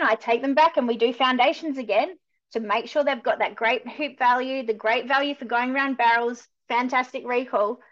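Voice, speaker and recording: A woman's voice: high-pitched, lo-fi sound. A woman dog trainer joining as a guest, chatting casually and agreeing eagerly. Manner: eager and affirming, quick agreements. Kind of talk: casual conversational chat.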